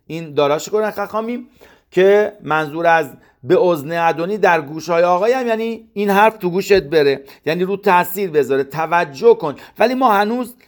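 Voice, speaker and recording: A man with a slightly high voice gives a text study lesson. He chants verses from scripture, then explains them plainly and keeps asking his listeners what each word means. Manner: poses questions to the listener. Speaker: Torah teacher.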